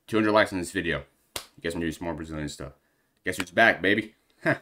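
A young man with a notably low voice chats casually to his viewers. He rambles in slangy, filler-heavy talk, a bit out of breath. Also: quick pace, bright, forceful tone, slight background noise. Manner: rambling, loose slangy chat with lots of fillers. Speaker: reaction video host. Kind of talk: casual reaction commentary.

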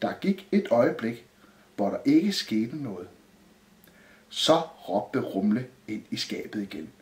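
A man reading a children's Christmas story aloud in a lively storytelling manner. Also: on the low side. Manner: lively, sing-song storytelling. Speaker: narrator. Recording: roomy echo.

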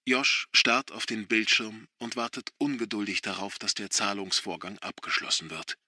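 A man narrating a German thriller audiobook in a steady, dramatic storytelling manner. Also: fairly low pitch, moderate pace, dry recording, studio quality.

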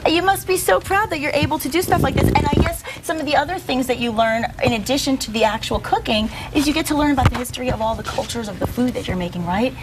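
A woman's voice: sits high, fast, few pauses, heavy background noise. A woman hosting a TV cooking segment, bubbly and enthusiastic as she asks her guests questions. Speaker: TV host. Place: TV studio kitchen set.

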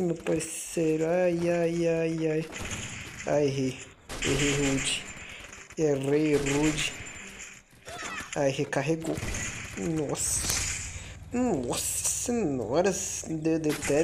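Low-voiced woman gaming. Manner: keeps voice down, can't narrate loudly; excitable, swears and groans at missed shots. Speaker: live game streamer. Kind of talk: live mobile shooter gameplay commentary. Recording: noisy stream audio with mic clicks.

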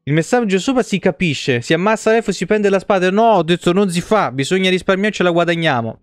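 This thirty-something Italian streamer talks fast in a high-pitched, expressive voice, captured in a dry recording. His live gameplay commentary is informal and packed with profanity, with frequent remarks to his viewers.

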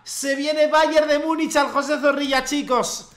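A man from commentating his own football video game match, cheering loudly at goals and repeating his phrases. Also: very high-pitched, steady tone, a little slow, slight background noise. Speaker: gaming youtuber. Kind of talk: excited live gameplay commentary.

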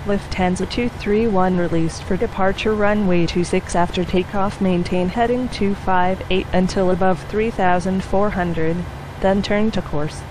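A woman playing airline pilot in a flight simulator, reading checklists and radio calls in clipped cockpit headset style over a headset mic. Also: mid-range voice. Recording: steady background hum.

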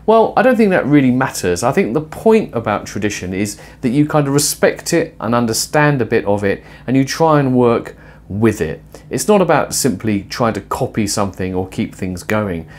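A middle-aged man presenting a cooking and philosophy film in his home kitchen, explaining ideas in a thoughtful, lively way. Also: medium pitch, moderate pace. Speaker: host.

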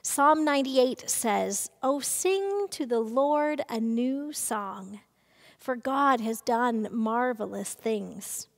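A middle-aged woman leading a church service, reading the call to worship and prayers in a slow, measured way. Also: a little high. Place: church sanctuary, seated at a table. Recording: reverberant church hall.

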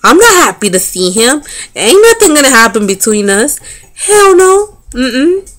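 A high-voiced woman in her thirties, talking a little slowly, tells a vlog story to camera. Her casual style is animated and profane, marked by frequent laughter and sassy, dismissive comments.

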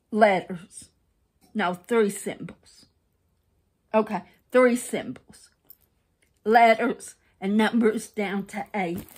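Seated indoors at home, a woman who runs a crafting vlog slowly shows off a craft kit in relaxed show-and-tell talk. Her mid-range voice has a breathy edge, and she rambles and corrects herself. She is recorded on a phone camera pointed down at her lap.

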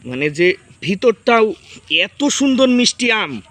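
A man's voice: high-pitched, sing-song, takes it slowly, fairly bright tone, dry recording. A man in his thirties from Bangladesh, chatting casually outdoors in a garden as he demonstrates fruit and directs his children. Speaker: farming vlogger. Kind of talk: casual outdoor demo chat.

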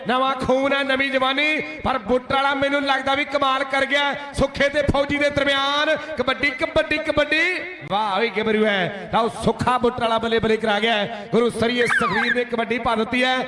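A man with an Indian Punjabi accent giving excited rural sports commentary, declaiming and repeating phrases in a chant. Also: very high voice, brisk, few pauses. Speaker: kabaddi match commentator and announcer. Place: outdoor village kabaddi tournament ground. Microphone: public-address microphone. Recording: echoey PA system, crowd noise.

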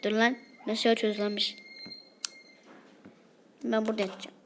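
A woman's voice: on the high side, flat delivery, moderate pace, a bit bright, a little hiss or hum. A woman improvising a game role-play video with rowdy, slangy banter. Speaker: video creator voicing game characters.

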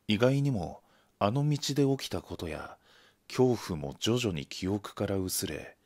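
A man narrating a scripted ghost story in a measured, hushed storytelling manner. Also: on the low side.

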